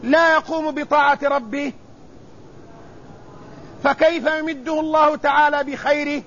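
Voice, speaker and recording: A male preacher delivering a religious sermon in a slow, measured way, with solemn repetition. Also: very high voice, steady tone, fairly bright tone. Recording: dull lo-fi recording with faint noise.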